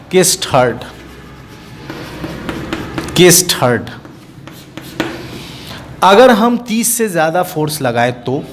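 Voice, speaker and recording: A man teaching physics for an exam-prep class, asking questions over and over and answering them himself, mixing in English terms. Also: high-pitched. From India. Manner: mixes Hindi with English terms.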